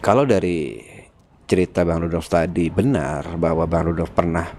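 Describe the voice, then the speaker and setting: A man with a somewhat low voice speaks in character for a roleplay game. He talks formally and deliberately, like someone giving a speech. A faint hum sits behind him. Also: darkish tone. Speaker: roleplay player proposing an alliance.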